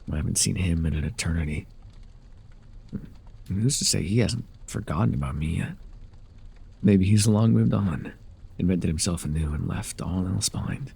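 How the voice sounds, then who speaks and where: In an ASMR audio roleplay, a man plays a sorrowful former god who has been forgotten, speaking in a low, breathy, gravelly voice that's a little mellow. His heavily acted delivery is halting and brooding.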